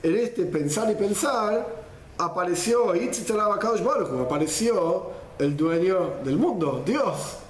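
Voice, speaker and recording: A man's voice: high-pitched, unhurried. Man teaching in an echoey room. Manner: lively explainer, mixes Hebrew quotes with Spanish gloss. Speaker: Torah class teacher. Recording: roomy echo.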